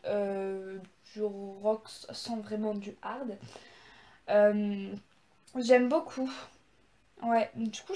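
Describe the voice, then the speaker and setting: A woman's voice: on the high side, a little mellow. A young woman chatting casually as she reacts to music in her vlog, rambling and poking fun at herself. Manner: chatty, rambling, self-mocking. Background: music playing.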